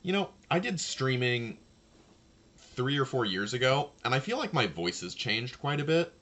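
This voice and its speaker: A man casually commentating his own card game match, thinking aloud and talking to his opponent, his voice low and slightly gravelly. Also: very animated, moderate pace, a bit bright, dull audio.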